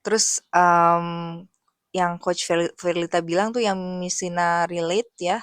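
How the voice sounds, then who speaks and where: A young adult woman, an English teacher, sharing thoughts in a casual, reflective monologue, soft-spoken and hesitant with many fillers. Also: on the low side, little pitch movement, a little slow, clean tone, no echo, studio quality.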